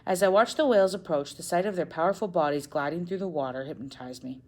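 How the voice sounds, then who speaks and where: A woman narrating a first-person novel in an expressive reading, now and then correcting a slip. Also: fairly low pitch, fast. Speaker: audiobook narrator.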